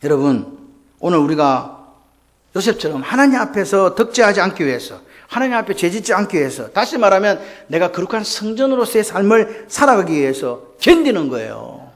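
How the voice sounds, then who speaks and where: Male pastor, very high voice with wide swings, preaches with call-and-response questions. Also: big pitch swings, brisk. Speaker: senior pastor. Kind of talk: Sunday morning sermon.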